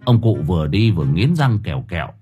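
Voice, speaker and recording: A man narrating an audio story in a lively, unhurried storytelling manner. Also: sits low. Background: faint music.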